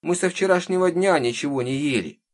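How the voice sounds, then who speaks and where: A man's voice: high-pitched, lively intonation, fairly quick, voice pushed up. Man doing a plucky little girl. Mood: pleading. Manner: pleading, persistent. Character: bold, lively little girl.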